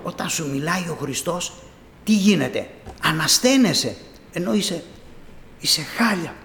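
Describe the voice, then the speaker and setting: A man preaching an evangelical sermon and telling his own testimony, acting out the voices he quotes and calling out loudly. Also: on the high side, a little hiss or hum. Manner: animated, acts out quoted voices, calls out loudly. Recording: roomy hall reverb.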